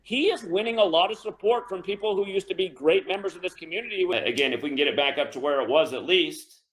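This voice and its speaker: A man with a bright, tense, slightly high voice holds forth on his own show. He rants in an aggrieved, repetitive way, swears often and keeps stammering over the same words. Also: quick pace. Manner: repetitive, aggrieved ranting with frequent profanity. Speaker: online sports betting show host. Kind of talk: casual livestream monologue.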